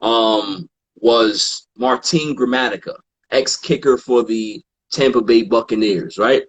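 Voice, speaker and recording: A man guesting on a podcast, telling stories in a relaxed, casual way and acting out what others said. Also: mid-range voice, slow, slightly rough. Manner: relaxed, quotes others in animated asides, frequent fillers. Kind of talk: casual storytelling in conversation.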